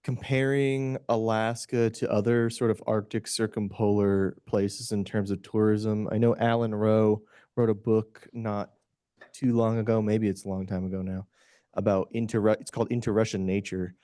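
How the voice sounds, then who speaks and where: A man's voice: on the low side, little pitch movement, normal speed, warm tone, clean tone, no room sound, clean studio sound. A man from the audience asking a long, rambling question at a conference session, full of fillers and restarts.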